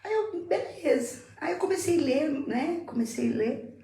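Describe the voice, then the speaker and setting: A woman's voice: high-pitched, animated, normal speed, warm tone, echoey room, rough recording. A middle-aged woman in casual chat, telling an emotional faith testimony and repeating herself for emphasis. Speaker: guest.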